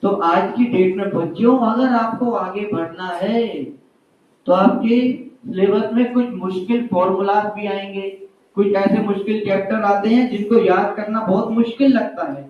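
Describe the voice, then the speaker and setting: High-voiced man teaching kids in an echoey hall. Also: normal speed, a little hiss or hum. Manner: lively, calls out questions to a class. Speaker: school speaker teaching children. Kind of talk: storytelling lesson to schoolchildren. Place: school hall. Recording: very echoey hall, distant, dull mic.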